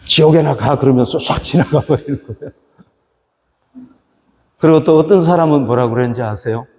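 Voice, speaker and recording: A man's voice: mid-range voice, a little fast, mellow, in a large hall. A male pastor preaching a sermon, asking rhetorical questions and rising for emphasis. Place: church hall.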